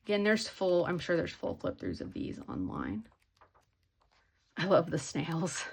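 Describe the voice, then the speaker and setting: A woman's voice: deep voice, sing-song, unhurried, creaky, breathy edge. A woman chatting casually in a hobby haul video, rambling with many ums and restarts. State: sleepy, yawning. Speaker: hobby vlogger.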